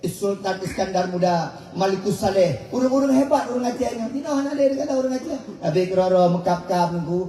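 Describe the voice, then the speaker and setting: A man's voice: high voice, expressive, fairly quick, mellow. A man with an Acehnese accent giving a humorous Islamic sermon, joking and teasing the audience. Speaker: preacher. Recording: echoey, distant mic.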